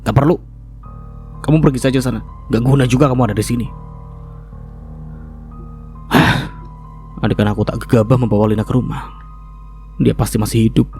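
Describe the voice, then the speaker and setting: A man plays a bitter husband stuck in a hospital bed, who nags and feels sorry for himself. The voice is mellow and close to a natural man's register. Faint music plays behind him. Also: medium pitch, steady tone, fairly quick, pauses often, lightly acted. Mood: self-pitying. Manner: complaining, scolding. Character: bitter bedridden husband, whiny and scolding.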